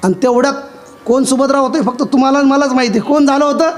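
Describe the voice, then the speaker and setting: A man's voice: extremely high pitch, steady tone, fast. A male preacher telling a devotional story with humor, often asking the audience questions. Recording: live with instrumental music behind.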